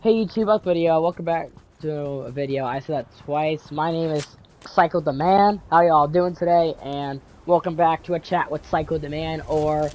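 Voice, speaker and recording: A teenage boy, congested from a cold, makes a gaming YouTube video, rambling through casual commentary over gameplay with many fillers, restarts, and repeated words. His voice is on the high side, at a moderate pace with few pauses, and music plays in the background.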